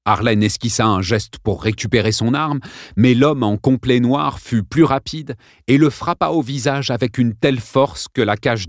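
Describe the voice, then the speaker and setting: A man's voice: on the low side, dry recording, clean studio sound. A man narrating an audiobook in a dramatic, suspenseful reading style.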